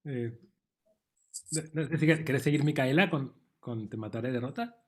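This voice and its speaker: A man's voice: mid-range voice, normal speed, darkish tone. A man moderating a seminar, giving brief, polite prompts.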